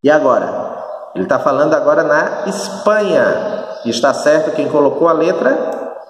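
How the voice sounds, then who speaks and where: A man's voice: on the high side, lively intonation. A Brazilian man with a northeastern accent, a Spanish teacher giving a recorded lesson who explains patiently and keeps checking that students follow. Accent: Brazilian Portuguese, northeastern. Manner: slow, explanatory, checks understanding with frequent tag questions. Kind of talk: recorded remote class lesson. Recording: echoey room, voice far from the mic.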